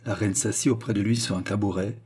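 A man narrating a classic novel as an audiobook with measured, dramatic storytelling. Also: fairly low pitch, steady tone, darkish tone. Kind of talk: scripted literary narration.

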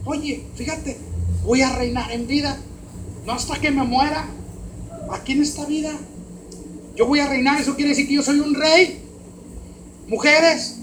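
Mexican pastor preaching in an echoey hall. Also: male voice, extremely high pitch. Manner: swings from hushed to loud, emphatic preaching. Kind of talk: sermon. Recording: roomy hall echo, faint background noise.

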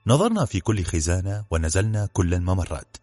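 A man narrating a storybook in an expressive, measured reading. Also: low voice, dry recording, faint music behind. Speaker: audiobook narrator.

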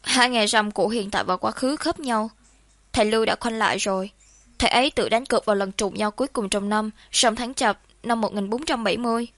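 A woman's voice: fairly high pitch, fairly quick, a bit bright, dry recording. A woman reading an urgent young friend. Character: anxious young friend explaining old calendars. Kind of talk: audiobook character reading.

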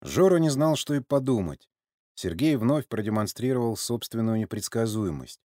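Man narrating an audiobook, lively pitch. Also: moderate pace, no room sound, clean studio sound.

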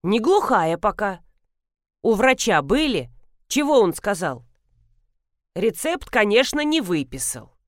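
A woman voicing a grumpy, half-deaf elderly woman pharmacist who scolds loudly and demands people speak up. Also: mid-range voice, very animated, slow, pauses often, no echo, clean studio sound. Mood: scolding.

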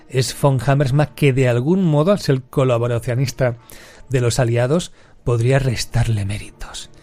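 A podcast host from with a mid-range male voice, talking through a film scene by scene. He is an animated storyteller who slips into the characters' lines. The recording is close and dry. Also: medium pitch, no room sound. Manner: lively storyteller who acts out character quotes. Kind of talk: casual film recap.

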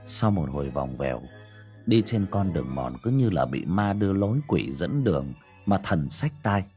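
Husky, low-voiced male storyteller. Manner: expressive, dramatic storytelling. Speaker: audio story narrator, livestream host. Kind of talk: storytelling narration.

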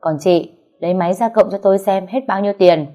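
A woman's voice: mid-range voice, quick pace, mellow, close to an everyday voice. A woman voicing a harsh, scolding middle-aged mother-in-law in an audio story. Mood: commanding. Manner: scolding and commanding.

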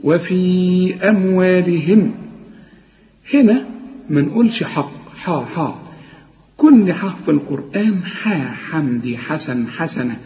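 A man with an Egyptian Arabic accent gives a recitation lesson in a fairly high voice. He explains each rule briskly, then chants the example words slowly and at length. The lo-fi recording is dull, and a long reverb trails behind every word. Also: sing-song, a little mellow. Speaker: Quran recitation teacher.

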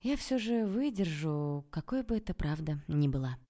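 A woman's voice: low voice, big pitch swings, moderate pace, warm tone. A woman voicing a smug, condescending man who speaks in a lazy, drawling way. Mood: mocking. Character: smug, mocking male ruler posing as a boyfriend.

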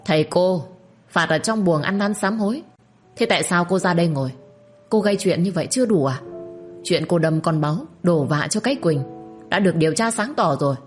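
A woman voicing a scheming, sharp-tongued older concubine wife in a spoken story. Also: lowish voice, expressive, fairly quick, soft background music, natural voice. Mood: scolding. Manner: scolding, sly.

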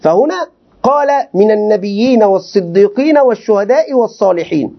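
A sheikh teaching a class with a high, quick voice, firing questions at his students and answering them himself. The recording sounds dull and lo-fi. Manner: animated, questioning students rhetorically. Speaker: sheikh teaching Quranic commentary. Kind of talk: classroom lecture.

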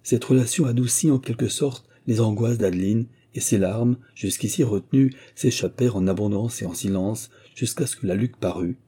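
A man narrating a classic novel as an audiobook, reading in a measured, steady way. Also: lowish voice, husky.

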